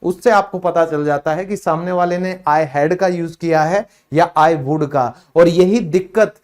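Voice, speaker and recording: A man with an Indian accent, a native Hindi speaker, teaching a spoken English lesson, explaining in Hindi and saying short English phrases slowly. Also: on the high side, darkish tone.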